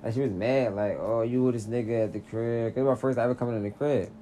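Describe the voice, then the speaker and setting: A man in casual chat, telling crude stories animatedly and jumping high and loud when acting out his reactions. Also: steady tone, quick pace, a little hiss or hum.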